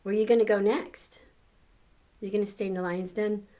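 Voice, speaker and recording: An older woman with a grandmotherly manner reads a children's story aloud, coaxing and encouraging her listeners with playful asides. Her voice is mid-range and dark in tone, with fairly even intonation and a brisk pace.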